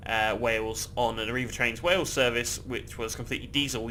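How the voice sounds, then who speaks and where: With a sharp tone in the mid range, this gameplay video host chats and rambles casually while playing, swearing freely and laughing often. Slight background noise can be heard.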